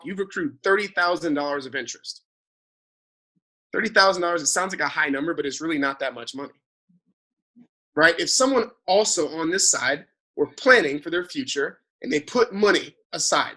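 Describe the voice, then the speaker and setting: A man working as a financial advisor, explaining money matters in a casual conversation and often checking in with "right?". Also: a little high. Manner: animated, talks in long explanatory runs with frequent "right?" tag questions.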